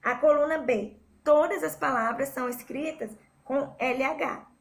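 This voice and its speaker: A Brazilian woman teaching a recorded school lesson, patiently repeating words slowly to explain a spelling rule. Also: sits high, gravelly. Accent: Brazilian Portuguese.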